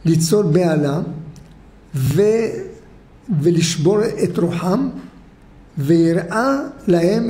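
High-voiced rabbi preaching. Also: male voice, darkish tone, roomy sound. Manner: storytelling, emphatic, rhetorical questions. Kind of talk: sermon. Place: synagogue.

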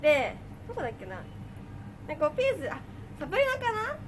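A woman's voice: high-pitched, sing-song, quick pace. A young woman, an idol group member, chatting casually, teasing and laughing often. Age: young adult. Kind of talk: casual chat. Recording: clear background noise.

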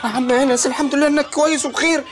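A man's voice: extremely high pitch, steady tone, rapid-fire, over music. An actor playing a cowardly young Egyptian man, fretful and stammering in fear, with an Egyptian accent. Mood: panicky. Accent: Egyptian Arabic. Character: panicky, cowardly young man fearing his father.

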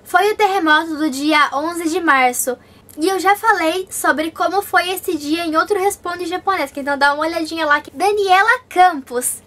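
A young woman from Brazil hosts a casual question-and-answer vlog with a very high, light voice. She talks in a chatty way, reading viewer comments aloud and then answering each one. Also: normal speed, fairly bright tone.

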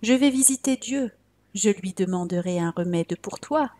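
A woman voicing a luckless traveler man who begs a tiger to spare him, in a high, pleading voice. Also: expressive, moderate pace, natural voice. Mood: earnest. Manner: high-pitched, pleading, loud.

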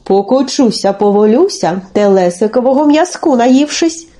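A woman voicing greedy fairy-tale serpents in a low, gloating chant. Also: lively intonation, moderate pace, warm tone, lightly acted.

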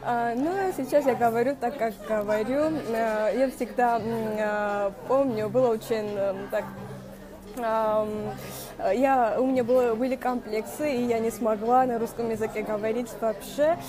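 A young inner-strength coach hosts a live stream from a small indoor room, speaking Russian as a second language with a noticeable accent in a fairly high, even voice. She halts often, with fillers and restarts, greeting viewers by name. Her wired earphone mic also picks up crowd noise and background music.

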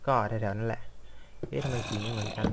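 With a lowish, steady voice marked by vocal fry, a young man talks quickly over background noise while playing a game. As a gaming vlogger, he rambles casually, makes fun of himself, and mutters at whatever is happening on screen.

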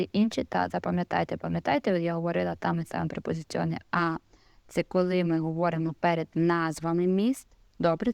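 Low gravelly woman teaching Italian. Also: darkish tone, dry recording, studio quality. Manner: explains slowly, many fillers, repeats examples. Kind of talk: casual video lesson.

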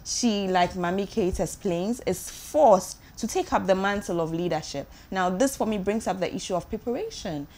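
A woman hosting a talk show, speaking in a reflective, measured way. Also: mid-range voice, darkish tone. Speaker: radio host.

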